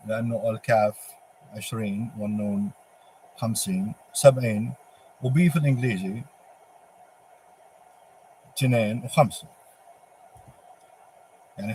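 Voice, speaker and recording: A man with a Palestinian Arabic accent giving an informal religious monologue, halting and posing emphatic rhetorical questions. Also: medium pitch, a little mellow. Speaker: religious speaker. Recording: clearly noisy ambient background.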